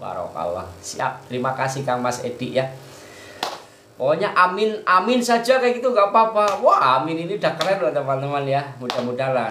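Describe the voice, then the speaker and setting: Man, casual live chat, devout rhythmic prayers, roomy echo. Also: fairly low pitch. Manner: warm thanks and rhythmic, devout prayer recitation. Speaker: channel host reading viewer comments. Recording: roomy echo, faint background noise.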